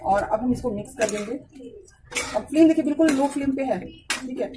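A young woman talks through a recipe in her home kitchen. Her voice sits a little high, and she speaks quietly and unhurriedly in a chatty way. The phone recording carries a clear layer of background noise. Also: recorded from a distance. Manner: chatty, talks softly and slowly today. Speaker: cooking vlogger. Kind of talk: casual home cooking vlog.

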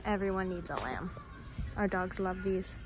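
Inside a retail store, a young American lifestyle vlogger gives chatty, appreciative shop-with-me commentary in a casual vlog style. Her lowish voice has lively intonation at a moderate pace. The handheld store recording has music playing over it.

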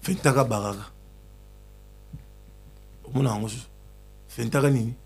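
A man talking excitedly in a casual chat, switching between Lingala and French. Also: mid-range voice, normal speed, slightly rough.

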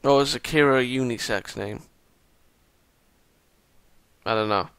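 A man's voice: mid-range voice, measured pace, a bit bright, clear, resonant tone, no room sound. A man reading a visual novel aloud with commentary and sarcastic, self-mocking asides. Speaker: gameplay commentator.

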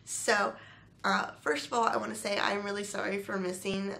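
A woman's voice: mid-range voice, little pitch movement, moderate pace, creaky, pushed and bright. A sick young woman beauty vlogger with a stuffy, nasal voice, chatting casually and a little apologetically to camera.

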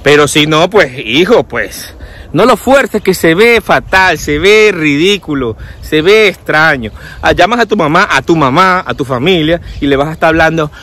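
A man's voice: fairly high pitch, expressive, normal speed, a bit bright. A man giving casual sarcastic commentary, often mimicking people. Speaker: vlogger.

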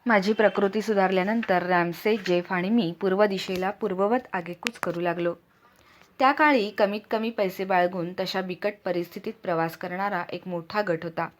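Lady reading an audiobook, expressive and dramatic, middle pitch. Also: moderate pace. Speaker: audiobook narrator. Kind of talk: scripted first-person audiobook narration.

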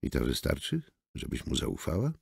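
Casual: narrator doing tired cagey young guy, gravelly and husky. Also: a bass voice, wildly swooping pitch, moderate pace, no room sound, clean studio sound, pitched below the performer's own voice, full character voice. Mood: subdued. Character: young man, wary, weary detainee. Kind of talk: audiobook character voice.

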